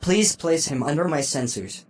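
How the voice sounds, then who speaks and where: An actor voicing a calm, polite computerized doctor robot in a gentle care-robot manner, courteous and formal. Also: mid-range voice, moderate pace, slight background noise. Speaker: infirmary computer.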